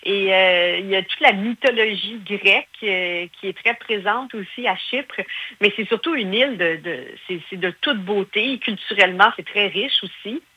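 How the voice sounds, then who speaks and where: A woman's voice: mid-range voice, normal speed, pushed and bright, slightly rough, poor audio. A woman with a Québécois French accent, a guest in a casual interview, talking in a chatty way with many hesitations.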